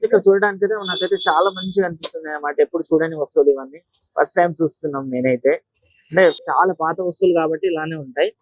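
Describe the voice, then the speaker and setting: Racing along in a fairly high pitch, a male market tour host gives explanatory walk-through commentary aimed right at his viewers. The audio is low quality but free of echo, and his casual speech keeps circling back to the same filler tags.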